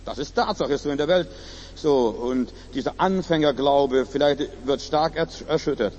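A man preaching a sermon at a church service, swinging between loud emphatic cries and low quiet asides. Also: normal speed, big-room sound, muffled recording, slight background noise.

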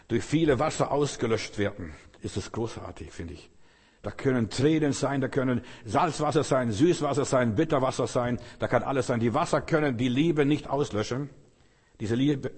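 A man's voice: mid-range voice, darkish tone, breathy edge. A middle-aged man preaching a sermon with emphatic rhetorical questions and repetition.

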